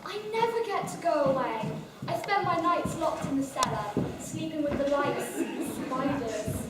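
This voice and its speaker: A woman's voice: high voice, expressive, moderate pace. A woman playing a wistful, downtrodden young Cinderella, pleading theatrically in a rhyming stage pantomime. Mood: plaintive. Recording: echoey noisy hall, distant mic.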